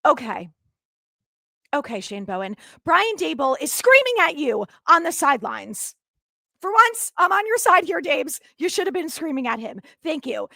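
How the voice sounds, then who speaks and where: A woman's voice: sits high, big pitch swings, moderate pace, vocal fry, pushed and bright, no room sound. A woman hosting a solo sports recap. She rants angrily, swears a lot and sounds exasperated. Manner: heated, swearing, exasperated ranting. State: angry. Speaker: sports podcast host.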